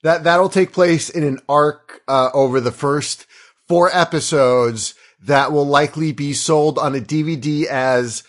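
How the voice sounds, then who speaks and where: A man in his thirties hosts a loose comedy podcast, making up the rules of a silly question game as he goes. His voice sits a little high for a man. He rambles, trips over his own facts and keeps stopping to apologize and correct himself. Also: measured pace. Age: 30s. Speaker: host running the question game. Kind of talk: casual comedy podcast chat.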